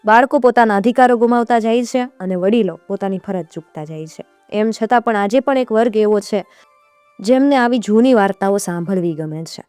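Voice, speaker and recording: A woman's voice: medium pitch, normal speed, a little mellow, smooth, no echo, soft background music. A woman storyteller, narrating a folk tale expressively with rhythmic repetitions.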